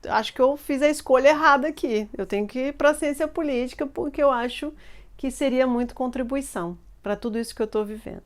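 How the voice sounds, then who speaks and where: A woman, telling a personal life story in an animated way and acting out the people she quotes. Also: high-pitched, fairly quick.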